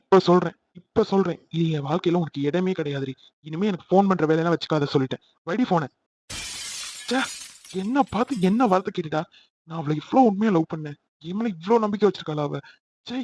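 A man voicing a hot-tempered young boyfriend in a cartoon, angry and shouting. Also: high voice, quick pace, muffled recording. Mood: furious.

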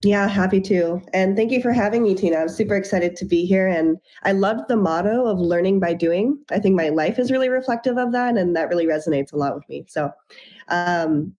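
Joining an interview by video call from home, a young adult woman founder from Japan and the United States recounts her story fluently and cheerfully. Her mid-range voice is fairly quick and a little mellow, and the webcam audio sounds dull.

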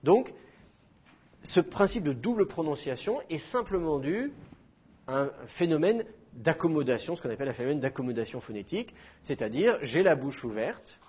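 Teacher guy lecturing, lively up and down, bit husky, dull lo-fi sound. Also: a little high, normal speed. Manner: lively, explains with sounds and self-mocking humor. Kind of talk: classroom lecture.

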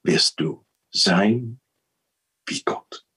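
A man voicing a sly, tempting male serpent who speaks in a smooth, insinuating way. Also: lowish voice, very slow, sharp tone, heavily acted.

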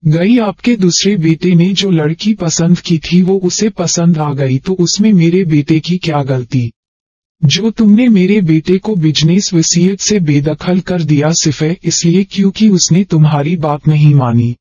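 A man reading the part of an angry, proud mother who runs a wealthy household, scolding in a sharp tone. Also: a little high, measured pace, dry recording. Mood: bitter. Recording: dry, dull lo-fi.

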